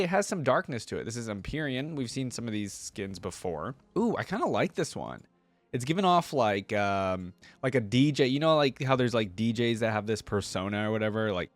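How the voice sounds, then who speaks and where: The voice is fairly low and the recording dry. He's a reaction video creator giving casual, enthusiastic commentary in a conversational, thinking-aloud style, with background music underneath.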